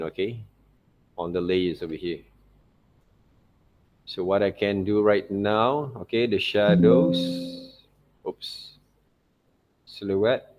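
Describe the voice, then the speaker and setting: Speaking in a lowish voice, a man gives an informal software demonstration on digital illustration. He thinks out loud as he works and frequently checks in by saying "okay" and "right."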